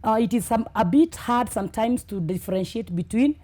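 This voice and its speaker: A woman host with a Kenyan accent and a dark, mellow voice. She talks conversationally, agreeing often and echoing points as she goes. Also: fairly high pitch, lively intonation, a little fast. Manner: agreeable, often affirms and echoes the guest. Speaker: interview host. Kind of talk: conversational interviewing.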